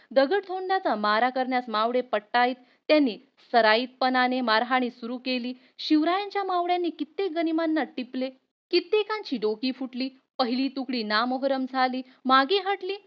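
A woman's voice: high voice, animated, moderate pace. A woman teacher reading a history lesson aloud for students, telling it expressively and speaking to viewers directly. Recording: muffled lo-fi recording.

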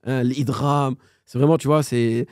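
Speaking a little slowly at medium pitch, this man in his thirties shares a personal story as a guest on a casual podcast. He animates it by acting out the dialogue and dropping in Arabic phrases; the studio sound is clean, without echo.

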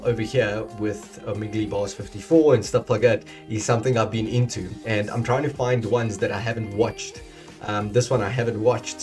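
Male reaction host, mid-pitched, gushing and filler-heavy, loud-soft swings, faint music bed. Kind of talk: casual commentary to camera.

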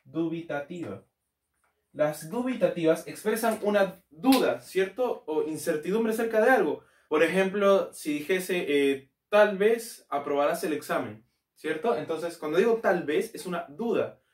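A man teaching a grammar lesson, checking in with his listeners often and repeating key terms slowly. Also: high-pitched, lively intonation, far from the mic. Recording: echoey room, voice off-mic.

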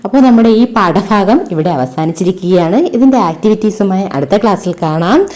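A woman's voice: medium pitch, lively intonation, a little fast, darkish tone. A woman teacher reading a textbook lesson aloud to young children. She reads rhythmic verse, then asks the children simple questions and addresses them fondly. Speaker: primary school teacher.

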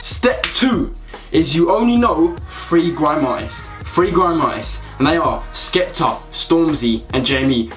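A young man with a London or south-east English accent giving casual, slangy comedic commentary to camera, repeating words for emphasis. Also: on the high side. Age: young adult. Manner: animated slangy ranting, emphatic repetition. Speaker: comedy video presenter. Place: small bedroom indoors. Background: music.

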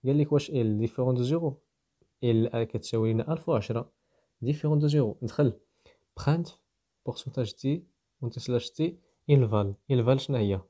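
Fast-talking Moroccan man teaching code. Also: medium pitch, dark tone, slightly rough. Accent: Moroccan Arabic. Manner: walks through code step by step, thinks aloud. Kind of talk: explaining programming to students.

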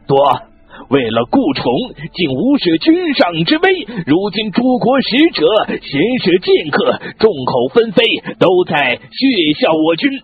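An actor voicing an indignant old male court elder who scolds with a shrill, wailing voice in an audiobook drama. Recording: lo-fi phone-like audio.

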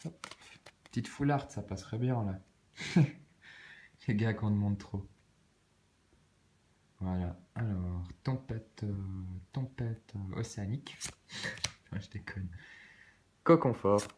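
Slow-talking Swiss French man. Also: fairly low pitch, slight background noise. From Switzerland. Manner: unhurried, muttering card names, soft exclamations. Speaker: card-opening vlogger. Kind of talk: casual commentary while opening cards.

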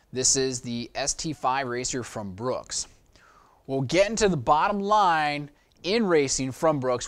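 A man in his thirties hosting a product review vlog, upbeat and salesy, with a few ums, in an indoor studio on a lapel mic. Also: on the high side. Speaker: shoe store vlog host. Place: indoor studio with shoe shelves.

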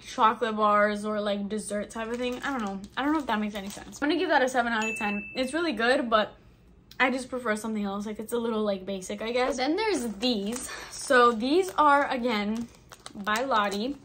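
A woman's voice: on the high side, a bit bright, a little hiss or hum. A young woman vlogger reviewing snacks in casual, bubbly chat, full of "like" fillers. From Albanian heritage. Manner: bubbly, chatty, filler-heavy with lots of "like".

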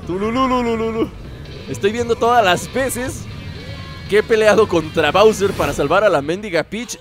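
A young man giving playful, mock-dramatic gameplay commentary full of slangy asides. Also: sits high. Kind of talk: joking let's-play commentary. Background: game music.

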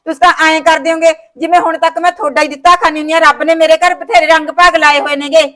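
The voice is very high, a bit bright, and flat in delivery, and she talks fast. She is a woman acting as a sulking sister-in-law in a family short film, complaining indignantly in a Malwa Punjabi accent, refusing all offers, and talking over objections.

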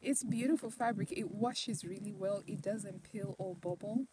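A woman's voice: medium pitch, moderate pace, background noise. A woman vlogging a fabric shopping meetup, chatting and teasing people with playful questions. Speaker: vlogger and interviewer. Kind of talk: casual chat. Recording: loud crowd chatter behind.

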